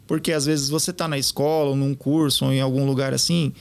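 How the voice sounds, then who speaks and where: A man, a podcast guest telling stories in an animated way and acting out what others said. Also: medium pitch, brisk, vocal fry, clean tone. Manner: animated, quotes others in lively retellings. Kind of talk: casual storytelling interview.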